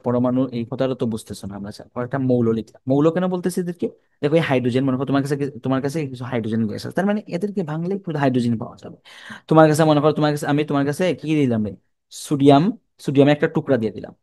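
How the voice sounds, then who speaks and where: A young man with a Bangladeshi Bengali accent teaches chemistry in a medium-pitched, dark voice with no echo. His informal, colloquial class is repetitive as he repeats terms and asks students questions he answers himself.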